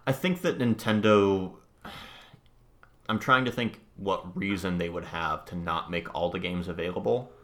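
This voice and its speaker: A man with a notably low voice talks casually on a podcast. He hedges, restarts his sentences and slips into dry sarcasm. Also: a little slow, a bit bright. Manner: sarcastic, hedging, restarts often. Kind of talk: casual chat.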